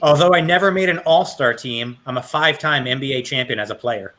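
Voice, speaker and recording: A man's voice: medium pitch, fairly quick, bright, forceful tone. A man hosting a casual trivia podcast over a call, reading clues aloud and laughing easily. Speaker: trivia quiz host.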